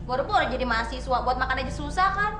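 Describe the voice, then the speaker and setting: A woman's voice: sits high, expressive, quick pace, reverberant, over music. An actress playing a flippant, wheedling young woman who talks down to her mother. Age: young adult. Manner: wheedling and dismissive. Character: flippant, scheming young daughter.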